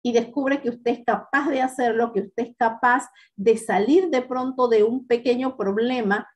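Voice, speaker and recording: A woman teaching a class on public speaking in a methodical, encouraging way, often pausing with hesitant fillers. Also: a little high. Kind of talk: instructional talk to students.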